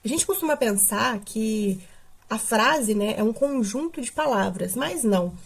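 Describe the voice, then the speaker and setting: A woman's voice: a little high, lively intonation, measured pace, gravelly, slightly rough. A woman teacher, explaining a grammar lesson step by step and often adding checking questions. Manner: explanatory, with frequent tag questions.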